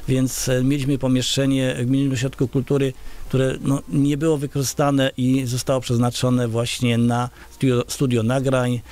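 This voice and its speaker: Speaking at a moderate pace, this middle-aged village head from Poland has a medium-pitched, slightly mellow voice with little pitch movement. He fields interview questions with many fillers and false starts. The setting is a small indoor radio studio, captured on a big boom-mounted studio mic.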